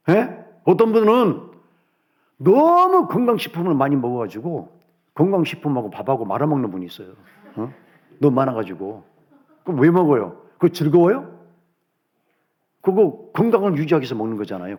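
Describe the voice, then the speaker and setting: Man, pastor, sermon, husky voice, lively pitch, rhetorical questions. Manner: animated, with rhetorical questions to the congregation.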